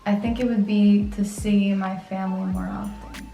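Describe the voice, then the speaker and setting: A woman's voice: mid-range voice, flat delivery, normal speed, creaky, warm tone. A woman in her twenties chatting casually on a vlog, rambling with lots of "like" and restarts. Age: 20s. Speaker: vlog co-host answering questions. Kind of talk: casual chat. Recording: roomy echo, mic at a distance, music behind.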